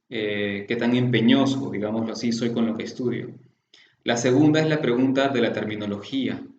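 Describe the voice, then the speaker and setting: A man's voice: mid-range voice, reverberant, dull audio, a little hiss or hum. A man giving a course lecture on classical Chinese medicine, explaining patiently and posing rhetorical questions to his students. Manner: explanatory, poses rhetorical questions, often adds tag questions.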